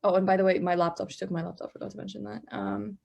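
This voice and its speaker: A young woman from Palestine talks as an interview guest. She tells her story casually and acts out every side of the dialogue. Her voice sits in an ordinary middle pitch for a woman. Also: fast talker, gravelly, lo-fi sound. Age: young adult. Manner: animated retelling, acting out both sides of dialogue. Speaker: interview guest, law student.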